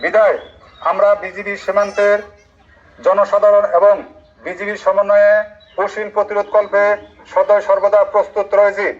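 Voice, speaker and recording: A man from the border guard reading a formal public warning over a PA loudspeaker, slow and measured. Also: sits high, completely flat delivery. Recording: muffled lo-fi loudspeaker sound.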